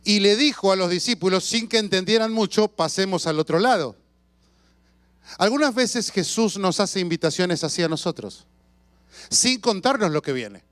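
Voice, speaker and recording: A man preaching a sermon as a pastor, telling stories with shouts and sound effects and asking the congregation questions. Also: high-pitched, lively intonation, moderate pace, dry recording. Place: church.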